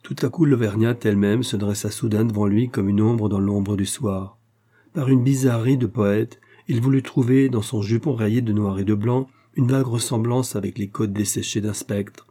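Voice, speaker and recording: A man narrating a classic novel as an audiobook in a measured, even way. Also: fairly low pitch. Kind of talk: scripted literary narration.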